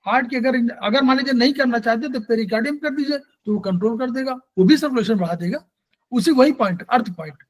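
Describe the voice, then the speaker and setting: A man with a strikingly high voice leads an acupressure lesson, answering students and going over points again and again. He slips English technical terms into his speech. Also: quick pace, low-quality recording. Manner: explains in plain terms, repeats points, Hindi mixed with English terms. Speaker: acupressure teacher. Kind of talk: classroom Q&A on acupressure.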